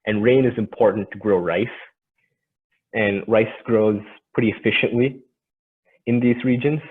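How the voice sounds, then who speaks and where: A man giving an informal presentation, speaking in a hesitant, halting way. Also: on the low side, fairly even intonation, husky. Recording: tinny, phone-like narrow band.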